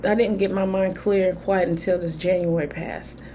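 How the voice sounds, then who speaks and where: A woman's voice: lowish voice, steady tone, normal speed, warm tone, a little hiss or hum. A woman talking candidly to camera in a rambling, casual way, full of fillers. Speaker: spiritual vlogger. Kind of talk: casual personal talk to camera.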